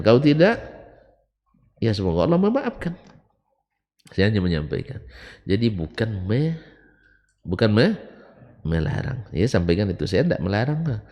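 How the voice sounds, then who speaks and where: A man's voice: on the low side, mellow. A middle-aged man giving a religious study lecture in a conversational way, telling anecdotes and rising into emphatic bursts. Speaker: Islamic teacher. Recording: long hall reverb.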